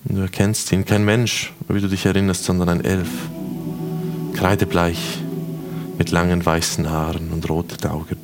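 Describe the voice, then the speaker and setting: A man from Switzerland narrating as game master of a tabletop game, slow and dramatic, voicing figures' quotes. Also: low voice, flat delivery. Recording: music playing behind.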